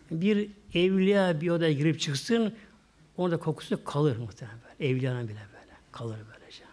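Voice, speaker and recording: A male preacher telling a religious story in a sermon, repeating himself and often slowing down for emphasis. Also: fairly high pitch, darkish tone.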